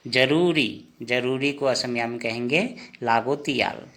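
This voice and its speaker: Slow, repetitive man teaching vocabulary. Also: medium pitch, steady tone, fairly bright tone. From India. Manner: slow, repeats each word several times. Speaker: language teacher. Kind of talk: slow spoken vocabulary lesson.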